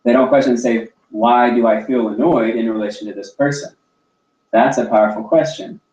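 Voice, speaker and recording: A man's voice: medium pitch, steady tone, brisk, darkish tone. Man, earnest reflective host, restarts his sentences, distant mic, echoey room, dull lo-fi sound. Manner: earnest, searching, with frequent restarts. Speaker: podcast host. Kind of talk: reflective casual talk.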